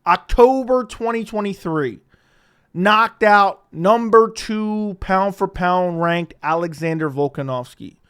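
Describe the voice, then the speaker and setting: A man with a high voice commenting on combat sports footage. He sounds exasperated and mocking, and argues his case as he goes. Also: fairly bright tone, clean tone. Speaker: video commentator.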